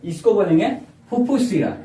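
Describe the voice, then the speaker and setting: A man's voice: high voice, big pitch swings, a little fast, mellow. Man teaching a lesson, echoey and distant. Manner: repeats terms and quizzes the listener. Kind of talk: classroom lesson. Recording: echoey room, voice from far off.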